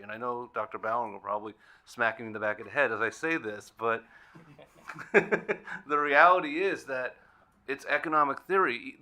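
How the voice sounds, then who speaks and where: A man's voice: medium pitch, pushed and bright. Earnest man on a panel. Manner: earnest, plainspoken, emphatic. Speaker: consumer advocate panelist. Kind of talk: panel discussion remarks.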